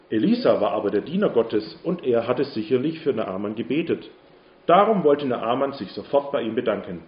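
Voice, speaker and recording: Guy reading a bible story for kids, lively, mid voice, echoey dull sound with a bit of hiss. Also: medium pitch. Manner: lively, expressive. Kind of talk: Bible story narration for children. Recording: dull roomy recording with faint hiss.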